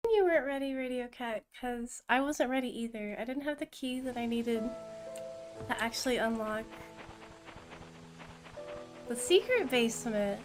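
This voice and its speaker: A woman's voice: a little high, moderate pace, long pauses. Chatty woman streamer over faint music. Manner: chatty, reads diary notes aloud, greets subscribers excitedly. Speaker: streamer playing a mystery game. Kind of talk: casual game commentary.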